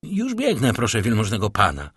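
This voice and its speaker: A man voicing a humble, eager, talkative old prison doorkeeper with a servile, deferential manner and a husky voice. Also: fairly low pitch, wildly swooping pitch, normal speed, a bit bright, no room sound, clean studio sound, full character voice.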